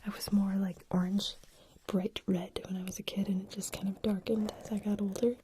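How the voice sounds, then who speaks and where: A woman whispers through a live ASMR stream, reading viewers' questions aloud and answering them with a relaxed, chatty looseness. Her hushed voice is mellow and close on a mic fitted with wind guards, and a faint noise floor sits underneath. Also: medium pitch, brisk. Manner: chatty with frequent fillers and restarts. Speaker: ASMR channel host answering live chat. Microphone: ASMR microphone with wind guards.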